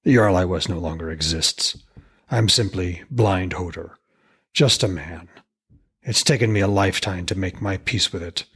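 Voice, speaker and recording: A man's voice: sits low, moderate pace, a bit bright, slightly rough, full character voice. A man voicing a grim, weary blind warrior, terse and grave, in a dramatised reading of a myth tale. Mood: bitter, resolved.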